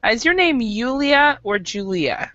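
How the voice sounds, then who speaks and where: Over a headset mic in a small home room, an Idaho woman in her youth runs a relaxed online English class, friendly and talkative and heavy on "um" and "uh." Her fairly high voice swings widely in pitch and moves a little slowly. The tone is fairly bright, with no echo, but the sound is lo-fi.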